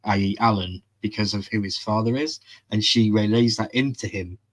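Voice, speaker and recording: A man's voice: lowish voice, moderate pace. A man co-hosting a live TV review, explaining with eager emphasis in casual chat.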